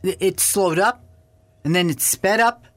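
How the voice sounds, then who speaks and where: A woman's voice: mid-range voice, a little slow, no echo. Older lady guest spinning a story, acts out the voices, dry sound. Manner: animated, acts out past dialogue. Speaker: interview guest. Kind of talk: casual storytelling interview.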